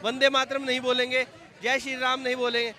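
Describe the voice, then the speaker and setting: A male street reporter with a very high, bright and forceful voice. He drives the conversation with leading questions and often completes his guest's sentences. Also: monotone, brisk, a faint crowd. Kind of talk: street interview.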